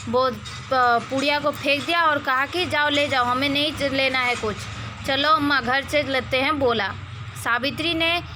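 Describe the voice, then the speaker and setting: A woman's voice: high-pitched, sharp tone. A woman teacher retelling a story to schoolchildren in Hindi-accented speech, often restarting and turning to the children with asides.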